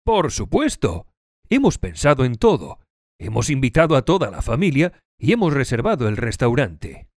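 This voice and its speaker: A man reading his part in a scripted language-learning dialogue, with a clear, expressive delivery. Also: medium pitch, moderate pace, dry recording, clean studio sound. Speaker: dialogue reader.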